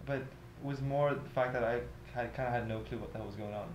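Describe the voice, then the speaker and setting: A young man from Tanzania talks in an easygoing, casual way in a documentary interview, dropping "you know" often. His voice sits in the middle range. The recording is echoey, with clear background noise. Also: mid-range voice, steady tone, fast talker, dull audio. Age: 20s. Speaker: college student interviewee.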